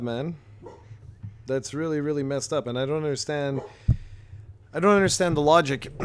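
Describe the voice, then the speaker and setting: A man co-hosting a casual gaming podcast, talking in an animated way with rambling restarts and sarcastic asides. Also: medium pitch, clear, resonant tone. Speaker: podcast co-host.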